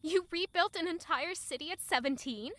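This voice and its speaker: A woman with an extremely high, bright and forceful voice speaks at a moderate pace, playing a romantic, curious young woman in an audio drama. She narrates and talks with a playful sense of wonder over faint music and slight background noise.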